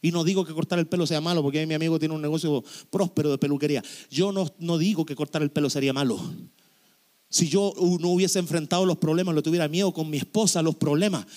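A middle-aged pastor preaching a sermon emphatically, full of repetition and rhetorical questions. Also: male voice, fairly high pitch, fairly even intonation, fast talker, a little mellow.

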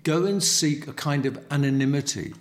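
A man's voice: on the high side, moderate pace, a crowd in the background. A middle-aged man with a Cockney accent, reflecting as an interview guest and often repeating words as he searches for them. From East End of London.

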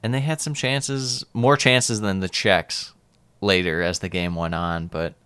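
A man's voice: sits low, steady tone, measured pace, fairly bright tone, smooth, no echo. A man hosting a casual sports podcast, talking through soccer matches conversationally. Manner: conversational, asks co-host for opinions.

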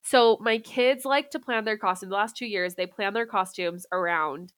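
A woman's voice: medium pitch, normal speed, fairly bright tone, clear, resonant tone, no room sound. A woman in her thirties, a podcast co-host, chatting casually while congested, upbeat and chatty. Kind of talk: casual chat.

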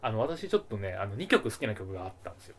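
A man co-hosting a casual podcast chat, excitable and rambling. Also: fairly low pitch, rapid-fire. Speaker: podcast co-host.

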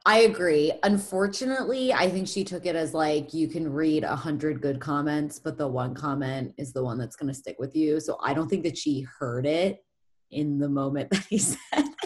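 An American woman with vocal fry and a Valley Girl way of talking, chatting casually as a podcast co-host. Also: low-pitched, normal speed. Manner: frequent filler "like", Valley Girl delivery. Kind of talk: casual, bantering chat.

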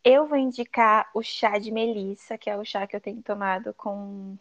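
A woman's voice: mid-range voice, fairly even intonation, normal speed. A Brazilian woman co-hosting a casual podcast, speaking in a reflective, personal way and repeating phrases for emphasis. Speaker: podcast co-host.

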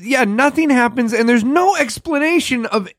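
A man's voice: extremely high pitch, normal speed, dry recording, studio quality. A man co-hosting a podcast, chatting casually with hesitant restarts. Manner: lively, hesitant, trailing off and restarting. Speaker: podcast co-host.

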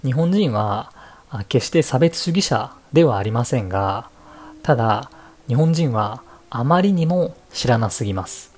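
A man from Japan with a Japanese accent, hosting his own podcast in an unhurried, chatty way and moving between English and Japanese. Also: mid-range voice, expressive, a little mellow. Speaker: podcast host. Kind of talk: casual solo podcast talk.

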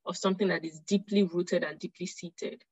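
A woman's voice: fairly low pitch, fairly even intonation, a little fast, a little mellow, slightly rough, dry recording. Affirming woman host, dry dull audio. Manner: affirming, frequent murmured agreement. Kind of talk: interview hosting.

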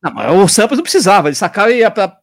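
A man's voice: sits high, big pitch swings, very fast, creaky, dry recording, clean studio sound. A man co-hosting a casual chat, talking with enthusiasm. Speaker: co-host.

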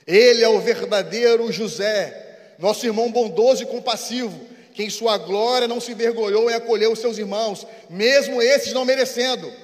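A man with a Brazilian Portuguese accent preaching a sermon, repeating phrases and moving between fervent proclaiming and hushed, intimate passages. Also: sits high, normal speed. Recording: long reverb of a large hall.

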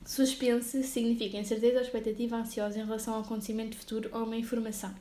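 A young woman with a European Portuguese accent, co-hosting a podcast with a playful, chatty manner. Her voice sits a little high and carries a noticeable room echo. She tends to think out loud as she talks. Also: flat delivery, racing, slight background noise. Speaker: podcast co-host. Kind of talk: casual chat.

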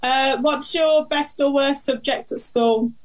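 A woman with a Brummie accent, co-hosting a podcast and firing quick questions at a guest in a brisk, friendly way. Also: high voice, steady tone, low-quality recording. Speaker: co-host asking questions. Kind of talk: quick-fire interview questions.

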